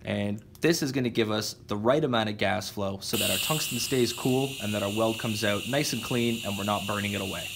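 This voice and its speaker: Male welding instructor, plain step-by-step delivery, workshop demo, low-ish voice. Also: noisy background. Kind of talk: instructional demonstration.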